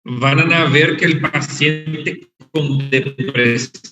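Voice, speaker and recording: A man lecturing a medical class, explaining terms slowly and repeating the key words. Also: on the high side, fairly even intonation, sharp tone. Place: online class. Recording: echoey, dull, far from the mic over an unstable online connection.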